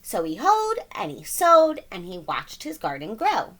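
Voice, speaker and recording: A storybook reader gives an animated children's read-aloud in a fairly high, somewhat bright voice with huge pitch swings, keeping a measured pace. Her delivery is dramatic and emphatic, with playful use of sound words.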